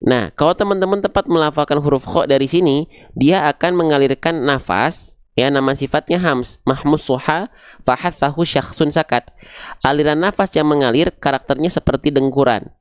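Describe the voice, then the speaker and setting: A man's voice: fairly high pitch, clear, resonant tone, dry recording, clean studio sound. A young man, teaching Quran recitation on a live stream, patiently explaining and checking on his viewers. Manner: demonstrates letter sounds slowly and drawn out. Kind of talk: live-streamed tajwid lesson.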